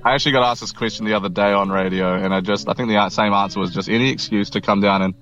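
Low-voiced New Zealand man on a muffled line. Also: very fast. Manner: relaxed, rambling with many fillers and restarts. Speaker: band member guest. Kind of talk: casual interview chat.

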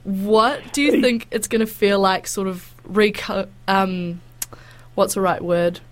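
A woman hosts a radio interview at an unhurried pace. Her voice is fairly low and stuffed up with a head cold, and her manner is effusive and encouraging. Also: fairly even intonation. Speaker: radio breakfast show host. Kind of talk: friendly live radio interview.

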